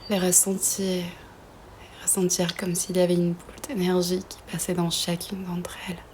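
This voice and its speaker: Softly and breathily, nearly whispering, a woman guides yoga nidra with calm gentleness and long pauses between phrases. Her voice sits on the low side, with a little hiss or hum in the recording.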